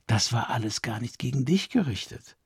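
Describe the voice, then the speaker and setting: A man's voice: mid-range voice, lively intonation, moderate pace, breathy edge, no echo, studio quality. A man reading an audiobook voices a naive, cheerful young noblewoman with a sweet, fluting manner. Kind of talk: audiobook character voice.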